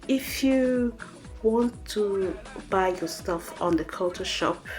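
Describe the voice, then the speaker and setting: Her voice sits at a medium pitch and sounds a little mellow. This French-accented cooking-channel host guides viewers through a recipe voice-over, chatting warmly, encouraging them, and calling them guys and friends.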